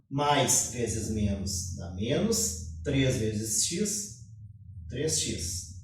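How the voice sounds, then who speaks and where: A male math teacher with a Brazilian Portuguese accent lectures his class, explaining step by step, coughing briefly now and then and repeatedly saying "ó." His voice is medium-pitched, and the mic sits far off in a very echoey room with a little hiss or hum.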